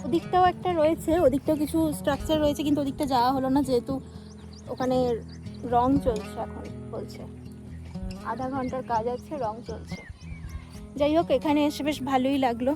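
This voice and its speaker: Female vlogger, casual and chatty, fast delivery, high pitch. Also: music in the background. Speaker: travel vlogger. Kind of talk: casual on-location chat mixed with English.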